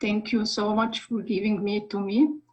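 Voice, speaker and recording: A woman's voice: medium pitch, little pitch movement, moderate pace, husky, rough recording. A woman giving a reflective devotional testimonial in read-out phrasing.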